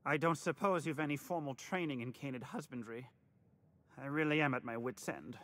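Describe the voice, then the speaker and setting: A fussy upper-class man in a game who dotes on his pet and frets about it, voiced by an actor. He sounds prim and anxious, with a posh tone and a voice set a little high. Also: fairly quick, fairly bright tone, lightly acted. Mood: fretful.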